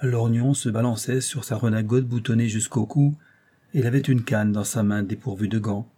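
Male narrator for a classic novel audiobook, measured delivery, husky tone. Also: mid-range voice, steady tone, mellow. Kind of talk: scripted narration.

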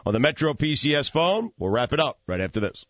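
Chatty thirty-something radio host. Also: male voice, mid-range voice, very animated, quick pace, fairly bright tone, no echo. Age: 30s. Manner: chatty, reads out phone number, plugs segments. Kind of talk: casual sports radio banter. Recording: dull lo-fi radio audio.

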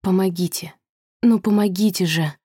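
A woman voicing a terrified young woman trapped in a locked room, shouting frantic pleas. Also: mid-range voice, moderate pace, slightly rough, no room sound, studio quality, natural voice. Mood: pleading whisper.

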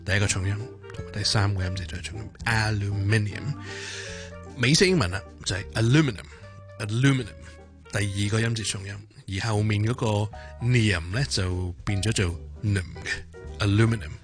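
A man's voice: on the low side, fast talker. A man with a Hong Kong Cantonese accent presenting a short radio language tip, theatrical and repeating each word to demonstrate it. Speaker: English pronunciation segment presenter. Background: background music.

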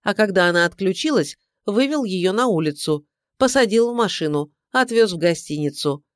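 A woman's voice: mid-range voice, animated, normal speed, no echo, close to an everyday voice. A tired, sardonic private detective, read by a woman, dry and grudging in how he talks. The tone stays close to the reader's own voice, recorded close and dry for an audiobook. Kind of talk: audiobook character voice.

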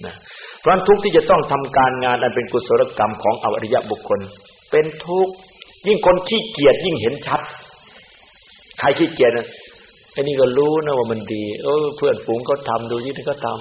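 Male monk preacher, lively delivery, recorded dull with a faint hiss. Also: mid-range voice, brisk, echoey room. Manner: animated, acts out other people's words in quoted voices. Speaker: Buddhist monk. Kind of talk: Dhamma sermon.

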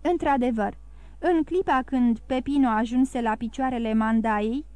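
A woman narrating an audiobook in a steady, even storytelling manner. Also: fairly high pitch, dry recording. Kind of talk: scripted narration.

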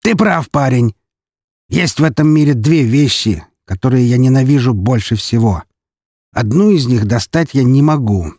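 A man's voice: medium pitch, normal speed, no echo, studio quality, pitched above the performer's own voice, lightly acted. A man voicing a scarred, cunning count with a mocking, gleeful manner. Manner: mocking, gleeful, raised lively delivery.

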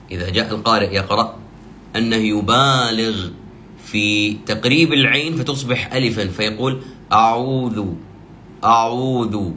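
A man teaching Quran recitation, slowly drilling each sound and repeating words for practice. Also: medium pitch, sharp tone, slight background noise. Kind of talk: tajweed pronunciation lesson.

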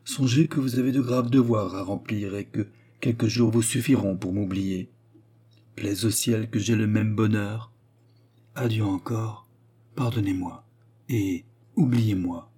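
A man's voice: fairly low pitch, fairly even intonation, measured pace, mellow, husky. A man reading a young woman's tender, resigned farewell letter in an audiobook.

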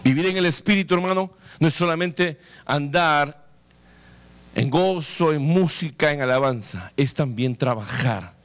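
A male preacher with a somewhat high voice delivers a sermon in a dramatic storytelling manner, acting out scenes with vivid sound effects. He speaks straight to his listeners and urges them to act. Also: unhurried. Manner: addresses listeners directly, exhorting. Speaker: pastor.

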